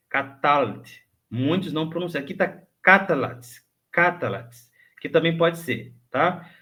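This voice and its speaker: Man, slow and unhurried: a patient teacher who repeats every term and hesitates as he thinks aloud. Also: mid-range voice, fairly bright tone. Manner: patient, repeats each word slowly, ends phrases with "tá?". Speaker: Hebrew teacher. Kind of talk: recorded online grammar lesson.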